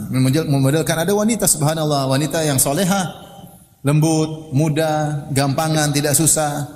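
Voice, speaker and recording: Lively male preacher in an echoing hall. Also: on the high side, a little hiss or hum. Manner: lively, quizzes the audience, recites Arabic. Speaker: Islamic preacher. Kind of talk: sermon. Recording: echoey hall with long reverb.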